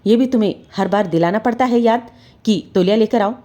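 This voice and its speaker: A woman voicing an angry, domineering husband who shouts harsh scolding words. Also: medium pitch, fairly quick, lightly acted.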